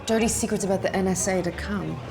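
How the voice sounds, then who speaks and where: An actress playing a firm, authoritative agency officer who keeps her frantic boss calm in action film dialogue. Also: mid-range voice, quick pace, creaky, crowd noise, lightly acted. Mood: pleading. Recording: film dialogue under loud score. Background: film music.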